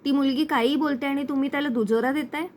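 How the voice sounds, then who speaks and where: A wronged, bewildered young husband, voiced by a woman recapping a serial. The tone is light and a little high. The lines are read plainly. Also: steady tone, quick pace, darkish tone, slight background noise, close to an everyday voice. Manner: plain reading of quoted lines.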